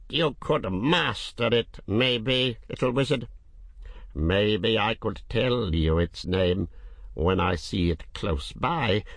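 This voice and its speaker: A man voicing an ancient, cunning male dragon with a great dry voice, speaking slowly and coaxingly. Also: on the low side, a bit bright, no room sound, exaggerated voice. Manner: slow, coaxing, drawn-out words.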